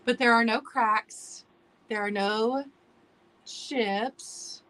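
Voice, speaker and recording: Speaking extremely slowly, an American woman hosts a casual live vintage sale online, naming viewers as she greets them and describing what's for sale. Her voice is on the high side and fairly bright, with fairly even intonation, and allergies leave it slightly hoarse, prompting occasional throat-clearing.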